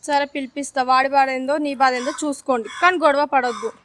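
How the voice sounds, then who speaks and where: A woman's voice: sits high, fairly even intonation, fast talker, fairly bright tone, no echo. A young woman acting in a love drama, tearful and defensive. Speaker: actress in a web drama. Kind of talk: acted love-drama dialogue.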